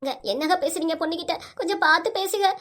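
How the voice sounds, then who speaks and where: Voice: extremely high pitch, fast talker, pushed and bright. A woman voicing a worried wife and mother with a southern Tamil accent, placating her angry husband. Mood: anxious. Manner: anxious and placating.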